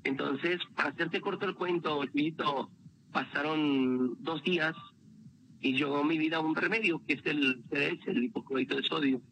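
A man's voice: a little high, moderate pace, sharp tone, a little hiss or hum, low-quality recording. A man, a motivational speaker, telling an emotional personal story as a guest on a livestream. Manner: earnest, emotional, repeats words.

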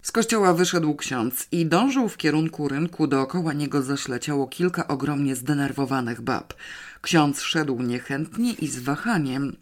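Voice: mid-range voice, lively intonation, normal speed. An audiobook narrator reading a comic novel steadily and expressively, voicing the characters in turn.

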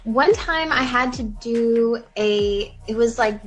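A young woman voice actor chats casually as an interview guest, giggling often and filling her speech with likes and ums. Her voice is on the high side and she takes it slowly, on a rough recording.

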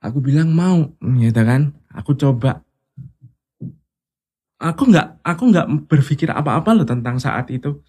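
Male interview guest, husky, animated storyteller who mimics the people he quotes. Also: a little high, unhurried, long pauses. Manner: animated, acts out quoted voices. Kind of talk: casual storytelling.

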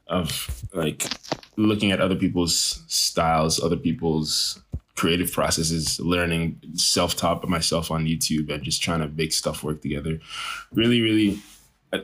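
A man, a travel photographer, chatting casually in an interview, animated and laughing often, with frequent restarts. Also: low-pitched.

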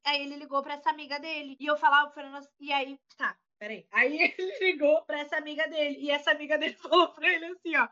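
A woman tells a story in a quick, bright, high voice. She is animated and dramatic and acts out the people she quotes. The sound is dull and lo-fi. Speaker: guest telling a story. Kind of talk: casual podcast storytelling.

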